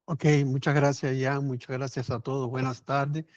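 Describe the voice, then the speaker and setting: A man from Cuba with a Cuban accent softened by years in Brazil, a company founder giving a conversational webinar presentation over a remote call, often adding tag questions. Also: medium pitch, flat delivery, normal speed, no room sound, dull audio. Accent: Cuban Spanish softened by years in Brazil. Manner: conversational, frequent tag questions, some restarts. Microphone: remote video call.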